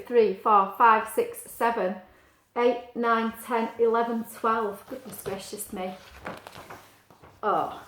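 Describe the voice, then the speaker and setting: In an echoey, roomy recording, a woman with a mid-range, fairly bright voice reads a picture book to young children. Along the way she explains things in simple terms and chats with small asides.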